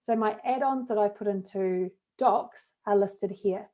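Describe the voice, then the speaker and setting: A woman with a New Zealand accent leads a live webinar for teachers, walking through classroom software step by step. Her voice is soft and mellow, her manner chatty and encouraging, with casual fillers along the way. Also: mid-range voice, a little slow. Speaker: teacher trainer. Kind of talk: live webinar tech demo.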